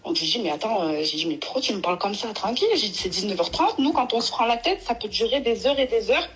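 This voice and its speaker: A woman calls in by phone to tell a long personal story, rambling, emotional, and restarting often. Her medium-pitched voice is lively, slightly rough, and fast, with soft background music and poor audio.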